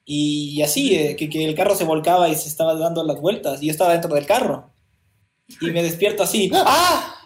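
A man's voice: a little high, fairly quick, darkish tone. A young man, chatting casually and hesitating, repeating words as he talks. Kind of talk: casual chat.

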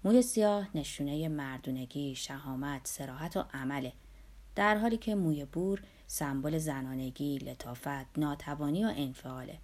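A woman's voice: sits low, darkish tone. A woman reading the lines of a cynical middle-aged male doctor in an audiobook, in a dry, lecturing manner. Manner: dry, lecturing, sweeping claims.

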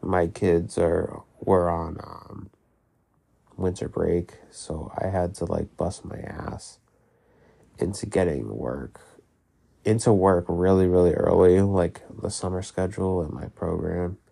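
A man with a gravelly, phlegmy voice, congested from being sick, talking casually about his life in a halting, rambling way. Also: deep voice, steady tone, dark tone. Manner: halting, rambling, heavy use of "like"; casual swearing. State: sick, congested with mucus in throat. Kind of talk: casual personal diary-style talk.

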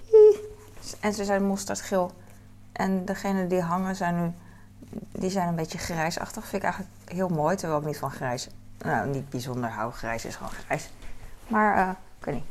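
Gravelly rambling woman, Hong Kong accent. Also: fairly low pitch, a little mellow, slight background noise. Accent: Hong Kong Cantonese. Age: 40s. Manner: rambling, lots of fillers. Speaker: mother. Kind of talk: casual chat while doing chores.

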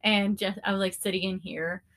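A woman's voice: medium pitch, steady tone, moderate pace, a bit bright. A woman co-hosting a podcast as an esthetician, chatting casually with lots of fillers, giggles and the odd swear word. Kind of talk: casual chat.

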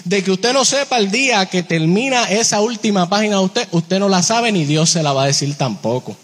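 Male preacher, high voice, sermon delivered direct to the congregation, slows on key phrases, long hall echo. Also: lively intonation, a bit bright. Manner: addresses listeners directly with rhetorical questions; slows down on key phrases, shifts pitch a lot.

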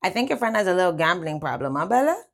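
A flirty, flattering rich gambler man who jokes around at the card table, as a woman narrator puts him on. The voice is low and gravelly, told within a spoken story. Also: fast, heavily acted. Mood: flirting. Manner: jokey, flattering. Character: flirty wealthy male gambler client.

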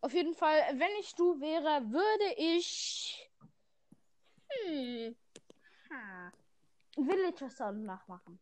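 A woman's voice: high voice, lively intonation, slow pace, pauses often, dry recording. A teenage girl chatting playfully in a casual dare game, giggling often.

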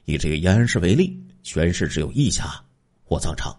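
A man's voice: low voice, sing-song, a little fast, a little mellow. A man telling a true crime story in a casual spoken style, stretching out sentence-final particles.

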